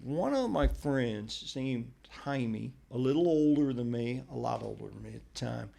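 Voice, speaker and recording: A man's voice: mid-range voice, lively intonation, moderate pace, vocal fry, dark tone. A middle-aged man hosting a podcast, casually telling his own life story in a conversational way. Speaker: podcast host. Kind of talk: personal storytelling monologue.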